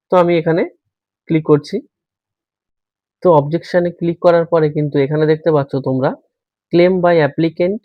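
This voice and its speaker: A man talks viewers patiently through a screen tutorial in a slightly high voice. The recording is dry and a little dull. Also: no echo. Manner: patient, step-by-step explaining, addressing viewers as friends. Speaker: tutorial host. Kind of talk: screen-recorded how-to walkthrough.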